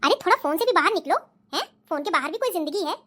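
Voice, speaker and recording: An impatient young husband from a cartoon, snapping at his wife with sarcastic scolding, as a woman voices him. The voice stays very high and bright. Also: animated, fast. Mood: irritated. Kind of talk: cartoon voice acting.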